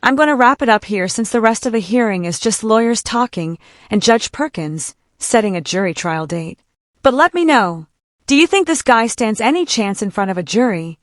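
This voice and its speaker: A woman's voice: on the high side, expressive, normal speed, no echo, clean studio sound. A woman hosting with scripted opinion commentary in a mocking, incredulous manner. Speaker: commentary host.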